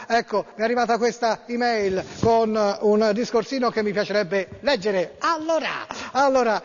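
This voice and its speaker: A man hosting a radio show, chatting in a rambling, hesitant way with many fillers and reading a story aloud. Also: high voice. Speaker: radio host. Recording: dull lo-fi sound with long reverb.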